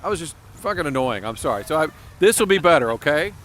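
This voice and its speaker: A man's voice: fairly high pitch, very animated, fast, fairly bright tone, slight background noise. Joking man hosting a chat podcast. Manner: hyper, joking. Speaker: podcast host. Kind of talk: casual chat.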